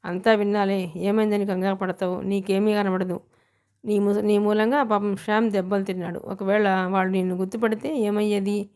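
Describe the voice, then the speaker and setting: A woman's voice: mid-range voice, level tone, normal speed, a little mellow, clear, resonant tone, natural voice. A woman narrator reading the part of a worried young woman who scolds and questions sharply. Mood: reproachful. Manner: worried, reproachful.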